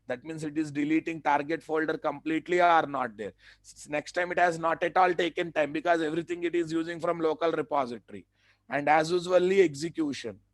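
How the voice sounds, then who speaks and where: Indian guy teaching a tech class, kinda high voice, repeats himself n asks then answers his own questions, dry close sound. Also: no echo. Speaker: software training instructor. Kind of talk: live technical lesson.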